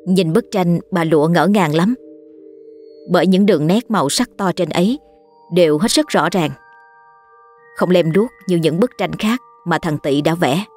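A woman narrating a scripted ghost story with a steady storytelling delivery. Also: fairly low pitch, moderate pace, soft background music.

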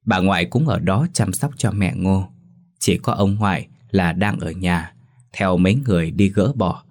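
A man narrating a ghost story in a steady, measured reading. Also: low-pitched.

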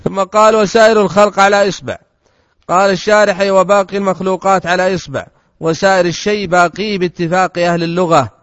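A man with a high voice reads a classical text aloud in steady, formal recitation. His voice sounds close and dry, yet the dull recording carries a long reverb tail. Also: fast talker. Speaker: student reading the text aloud.

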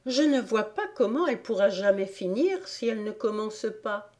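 A woman's voice: medium pitch, lively intonation, normal speed, darkish tone, natural voice. A woman voicing a polite, curious little girl in a storybook reading, in a raised, prim and questioning voice.

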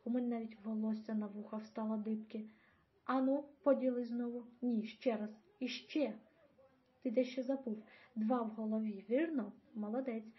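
A woman reading an older grandfather who patiently coaches his grandson through grammar, gently teasing. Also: a little high, fairly even intonation, moderate pace, close to an everyday voice. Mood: coaxing. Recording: dull lo-fi audio.

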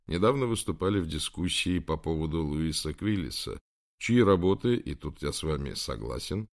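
A man reading the part of a confident, charming prince in an audiobook, speaking calmly and with assurance. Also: low-pitched. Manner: calm, assured.

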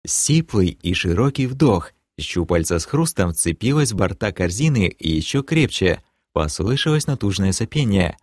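A man narrating a fantasy audiobook in first person, dramatic and lively, breaking into shouted lines. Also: fairly low pitch, normal speed, hardly any pauses, no room sound, studio quality. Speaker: audiobook reader.

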